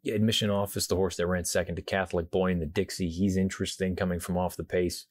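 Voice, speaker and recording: Man, racing show host, hushed quiet delivery, husky, fairly flat intonation, casual preview commentary. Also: deep voice, quick pace, dry recording. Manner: hushed, quiet indoor voice, holding volume down. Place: hotel room.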